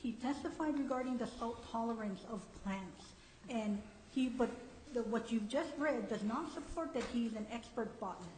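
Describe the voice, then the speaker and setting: A woman's voice: fairly high pitch, normal speed, darkish tone. A woman attorney answering judges in oral argument, insistent and repeating words as she goes. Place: echoey courtroom. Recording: echoey room, faint noise.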